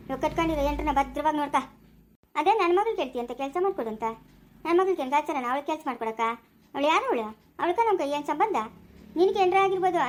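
A woman, playing a bossy, sharp-tongued village mother in a home-made family drama. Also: high voice, close to an everyday voice. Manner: scolding, bossy.

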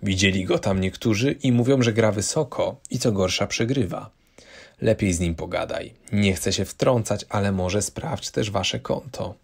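A man voicing a concerned brother giving a cautious warning, in a low, gravelly voice. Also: moderate pace, darkish tone. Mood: worried. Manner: cautious, earnest.

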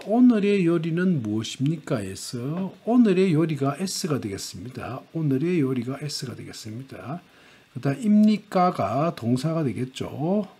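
A man teaching a grammar lesson, talking slowly and repeating words with fillers. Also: medium pitch, darkish tone, slightly rough. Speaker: language teacher.

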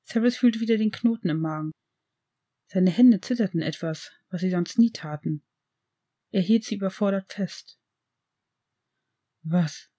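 A woman narrating a fan-fiction audiobook in a calm, steady way. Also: medium pitch, moderate pace. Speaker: audiobook reader.

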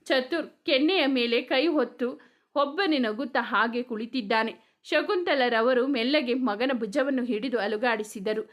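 A woman narrating a scripted family story, measured and expressive. Her voice sits somewhat high, with an even storytelling pace.

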